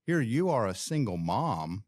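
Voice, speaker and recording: A middle-aged man hosting a finance podcast, reflective and steady as he builds his points. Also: lowish voice, a little slow, no room sound, studio quality. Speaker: podcast host, financial planner. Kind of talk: conversational interview hosting.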